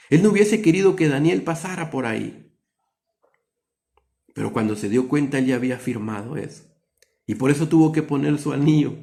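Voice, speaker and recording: A man from Guatemala, preaching an earnest sermon full of rhetorical questions, his pace swinging from quick to drawn-out. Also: medium pitch, warm tone.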